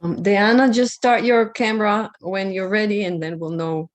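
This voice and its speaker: A woman's voice: medium pitch, fairly even intonation, moderate pace. A woman hosting an online gathering, talking casually and helpfully over a video call. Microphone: video call microphone.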